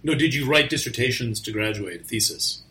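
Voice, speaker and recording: A man's voice: mid-range voice, expressive, brisk, pushed and bright. A man interviewing a guest, pressing persistently with probing questions.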